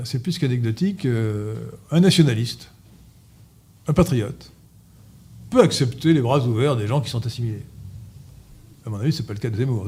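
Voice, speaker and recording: A man giving a political lecture to an audience, halting with frequent filler sounds and restarts, and repeating his points emphatically. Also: medium pitch, darkish tone, breathy edge. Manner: emphatic, insistent repetition. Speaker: lecturer at an association meeting.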